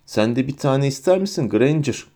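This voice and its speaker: A man plays a spiteful teenage schoolboy bully from a storybook who sneers and taunts with every line. The voice is mellow and dark rather than bright. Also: medium pitch, lively intonation, moderate pace, natural voice. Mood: sneering. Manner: mocking and taunting.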